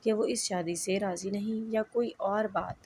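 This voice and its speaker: A woman narrating an emotional first-person story in an even, measured way. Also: medium pitch, slight background noise.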